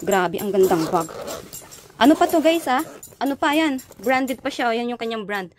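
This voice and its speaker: A woman's voice: a little high, animated. Chatty Ilocano woman vlogging. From Philippines, Ilocos region. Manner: chatty, fills pauses with "ayan" and "guys". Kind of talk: casual vlog showing found items. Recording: noisy background.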